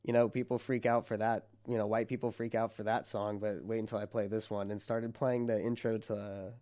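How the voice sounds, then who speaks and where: A man's voice: fairly low pitch, level tone, fairly quick, mellow. A tired young man co-hosting a casual podcast, rambling loosely with laughs and swearing, his voice a little strained. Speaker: podcast co-host. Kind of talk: casual chat.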